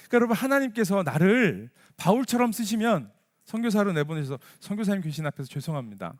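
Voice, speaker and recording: A male pastor preaching a sermon in a church, talking to the congregation in a conversational way, with many rhetorical questions and short acted-out prayers. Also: a little high. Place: church sanctuary.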